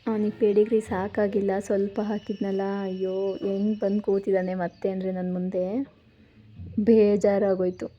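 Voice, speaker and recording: A woman talking to her pet dog in a scolding, coaxing way, then quietly explaining to viewers. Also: medium pitch, level tone, normal speed, highs cut off. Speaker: pet vlogger.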